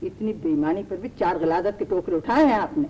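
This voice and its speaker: An actress playing an anxious, genteel household matriarch who frets and bickers, in an old TV drama. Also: female voice, fairly low pitch, animated, fairly quick, mellow, natural voice, poor audio. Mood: fretful. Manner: fretful and bickering. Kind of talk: 1980s TV drama acting. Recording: old TV drama audio, light noise.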